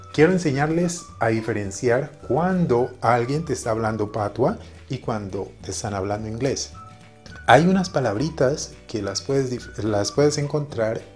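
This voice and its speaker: A man's voice: medium pitch, a little mellow. A man teaching in a casual video lesson, patient and repetitive, with frequent fillers. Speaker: language teacher.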